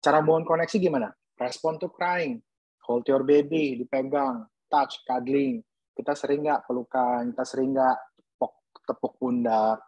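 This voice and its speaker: A man's voice: mid-range voice, normal speed, a little mellow, breathy edge, no room sound, dull audio. A man who is a pediatric dentist, giving an earnest webinar talk to parents and posing emphatic rhetorical questions.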